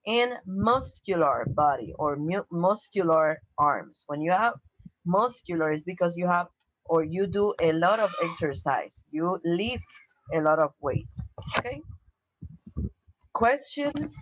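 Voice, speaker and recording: A native Spanish-speaking woman teaches an online English class, explaining things slowly and patiently and often checking in with "okay?" Her voice sits on the low side with lively intonation, and the sound quality is lo-fi.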